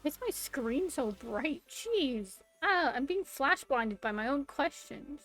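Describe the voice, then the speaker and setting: A woman's voice: high-pitched, very animated, takes it slowly, a bit bright. A woman hosting a casual live stream, giggly and gushing over a cat. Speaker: host. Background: faint background music.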